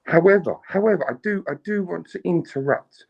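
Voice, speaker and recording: A man's voice: sits high, brisk, vocal fry, muffled recording. Man giving a mock-solemn speech. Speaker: guest streamer. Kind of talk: joking banter.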